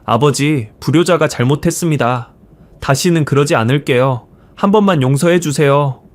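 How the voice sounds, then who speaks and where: A man's voice: fairly high pitch, normal speed, natural voice. A man voicing a guilty grown son who pleads and apologizes to his father in a storybook reading. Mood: desperate.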